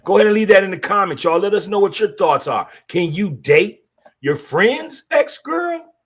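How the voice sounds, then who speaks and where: A middle-aged man delivers a podcast monologue in a voice pitched a little high for a man, with wide pitch swings and lively intonation. He talks bluntly at a normal speed, full of street slang and strong opinions, with a breathy edge.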